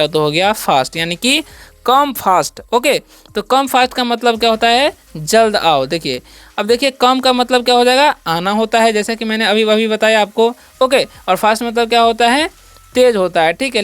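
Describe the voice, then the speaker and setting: A man with a smooth, resonant voice leads a patient lesson, spelling words out slowly and checking in again and again. His voice sits close to the mic with a dry, roomless sound. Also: high-pitched, a bit bright, no echo. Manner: slow, repetitive explaining, checking in with "ठीक है". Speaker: English teacher. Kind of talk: spoken language lesson.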